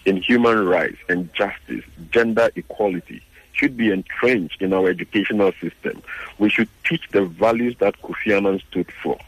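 A man with a Ghanaian accent and a husky voice, giving measured, earnest commentary as a guest journalist in a radio interview. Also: sits low, dry recording, low-quality recording.

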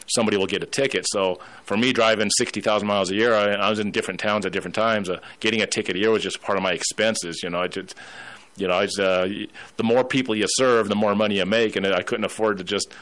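A man's voice: lowish voice, steady tone, quick pace, fairly bright tone. A man hosting a radio talk show, telling stories in a casual, rambling way with many restarts. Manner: rambling, storytelling with put-on voices.

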